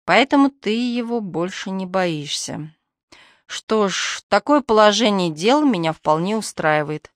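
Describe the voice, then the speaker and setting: A woman voicing a sleepy father who speaks in a drowsy monotone. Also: medium pitch, measured pace, no room sound, clean studio sound, lightly acted.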